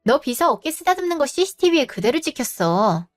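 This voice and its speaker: A woman voicing a sharp young woman who scolds and cuts off her cheating partner, in a storybook drama. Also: high voice, sing-song, fairly quick, soft background music, voice pushed up. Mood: scornful. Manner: scolding, cutting. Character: cold, sharp young woman boss's daughter.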